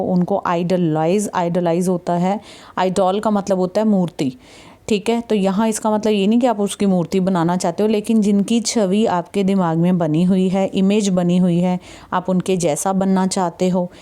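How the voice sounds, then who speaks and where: A woman's voice: mid-range voice, warm tone. Patient Indian woman teaching English. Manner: patient, repeats "ठीक है" to check understanding; reads English passages slowly and deliberately. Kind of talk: explaining a textbook chapter to students.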